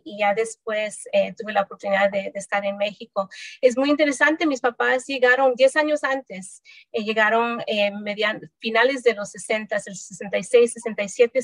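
A researcher in her thirties, born in El Salvador, answers interview questions thoughtfully on a video call from a room at home. Her voice is on the high side with no echo, and she hesitates and restarts often.

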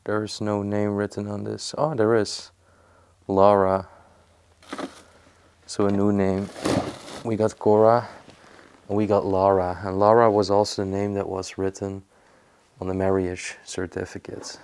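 A young man narrating an exploration vlog in an abandoned house, curious and hushed as he handles old objects. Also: fairly low pitch, little pitch movement, unhurried, pauses often, a little hiss or hum. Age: young adult. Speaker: urban explorer.

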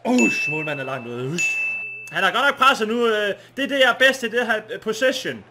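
High, lively, shouty gaming streamer man. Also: slight background noise. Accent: Danish. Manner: excitable, shouts and swears during play. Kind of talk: live commentary over a football video game.

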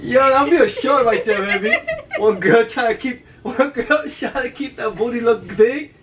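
A man with a notably high voice trades teasing banter with his partner, laughing often and now and then blowing up in mock outrage. He sits some way from the mic, with faint noise in the room. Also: moderate pace, recorded from a distance. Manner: teasing, laughing, exasperated outbursts. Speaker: co-host of couple channel. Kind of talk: casual couple banter.

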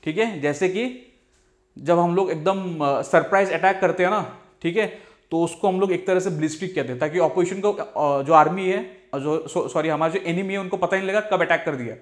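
High-voiced Indian English tutor. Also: male voice, brisk. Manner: drawls when reading English definitions; keeps saying "theek hai" and "okay". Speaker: English vocabulary teacher. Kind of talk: explaining vocabulary from slides.

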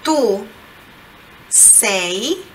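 A Brazilian woman teaching Italian pronunciation, slowly repeating words and coaxing the listener to say them aloud. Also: medium pitch, lively intonation, a little hiss or hum. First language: Portuguese. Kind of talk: language lesson.

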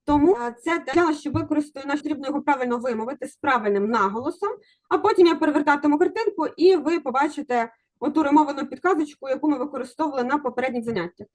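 A woman's voice: high voice, rapid-fire. A woman teaching an online exam-prep lesson over a video call, encouraging and coaxing her students to answer.

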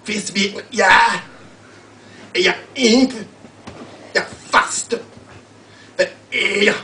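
A man reading a poem aloud in a put-on Danish accent, loud and clipped, half laughing. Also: high-pitched, very slow, pitched above the performer's own voice, full character voice. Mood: declaiming. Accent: imaginary Danish. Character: loud, high mock-Danish male poet. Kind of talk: performed poetry reading. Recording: roomy, distant live mic with faint hum.

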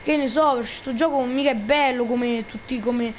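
A woman giving casual gameplay commentary, rambling and jokey, now and then yelling taunts at other players. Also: a little high, moderate pace, a little hiss or hum. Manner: rambling and jokey, trash-talks opponents in bursts. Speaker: gaming video creator.

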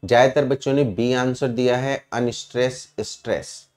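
A man's voice: mid-range voice, steady tone, moderate pace, darkish tone. A man with an Indian English accent teaching an online exam-prep English class, explaining answers step by step and quizzing his students.

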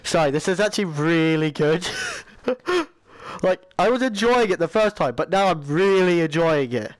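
A man commentating his VR game play, excitable and swearing, shouting at the game. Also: a little high, normal speed, no room sound. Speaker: gamer.

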